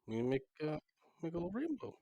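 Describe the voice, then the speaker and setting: Brash adventurer, pushy and loud, a little higher than his own voice, as a man puts him on. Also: wildly swooping pitch, brisk, dry recording, highs cut off. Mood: eager. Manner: pushy, shouting orders. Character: brash male adventurer Karg, loud and greedy.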